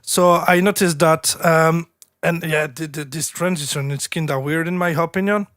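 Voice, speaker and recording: A man hosting a live track review stream, speaking halting full of "you know" fillers. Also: on the high side, steady tone, a bit bright, dry recording, studio quality. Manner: halting, non-native grammar, many "you know" fillers.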